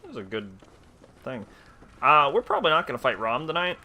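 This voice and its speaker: A man's voice: medium pitch, huge pitch swings, fairly quick, pushed and bright, a little hiss or hum. A man giving casual, profane commentary while playing a video game on stream. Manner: swearing, self-mocking. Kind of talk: gameplay commentary. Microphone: headset.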